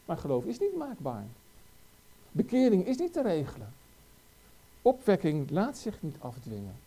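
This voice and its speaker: A preacher delivers a sermon in a warm, dark voice. The pitch swings widely as the preacher presses question after rhetorical question on the listeners. The delivery is earnest and emphatic throughout.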